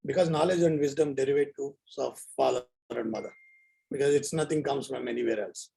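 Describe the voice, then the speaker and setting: A man's voice: on the high side, creaky, dark tone, breathy edge, poor audio. A middle-aged man with an Indian accent, giving an informal online lecture in an earnest, rambling, repetitive way. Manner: earnest, rambling, repeats phrases. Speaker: professor giving a talk.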